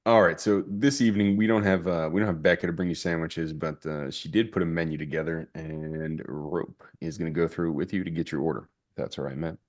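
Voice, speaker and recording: A man's voice: extremely low pitch, fairly even intonation, brisk, few pauses. A man hosting a casual stream, bantering loosely with guests. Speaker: host. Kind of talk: casual chat.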